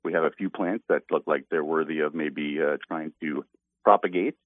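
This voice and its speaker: A man's voice: rumbling low, steady tone, normal speed, dry recording. A man from north central Iowa, a hazelnut farmer talking in an easygoing way on a radio interview, with many "uh" fillers. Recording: tinny phone line.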